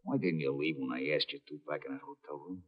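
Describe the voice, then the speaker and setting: An actor playing a tough, menacing male gangster in a 1940s radio drama, talking in rough slang, heard through an old AM radio broadcast. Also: rumbling low, very animated, quick pace, lo-fi sound, full character voice. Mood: bitter, enraged. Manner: slangy tough-guy talk, threatening. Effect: old AM radio broadcast sound.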